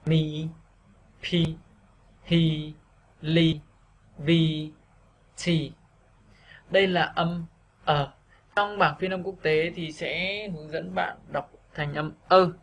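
A man teaching a video lesson on English pronunciation, patiently repeating words slowly for practice. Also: fairly high pitch, gravelly, fairly bright tone, slight background noise.

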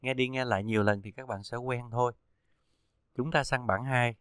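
A man teaching pronunciation, reading syllables one by one in a slow, deliberate drill. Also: medium pitch, steady tone, fairly bright tone, smooth, dry recording, clean studio sound. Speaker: Chinese pinyin teacher.

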